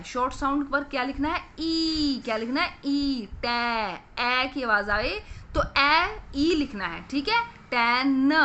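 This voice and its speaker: A young woman with a Punjabi accent teaches children phonics, asking questions and slowly repeating each answer. Her voice sits high with a sharp tone, and the sound is lo-fi.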